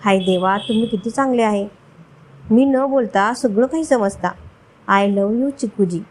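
A woman's voice: mid-range voice, measured pace, darkish tone, a little hiss or hum, natural voice, rough recording. A woman voicing a feisty, playful young wife who teases and makes jesting threats. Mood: teasing. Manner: teasing, threatening in jest.

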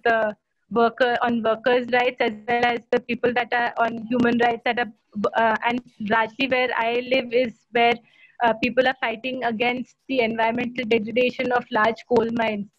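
A woman in her thirties with an Indian English accent, speaking as a panelist in an online discussion, pausing often with fillers and restarts. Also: on the high side, flat delivery, no room sound. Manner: hesitant, many fillers and restarts. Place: home room. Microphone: laptop webcam on a video call. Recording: muffled video-call audio.

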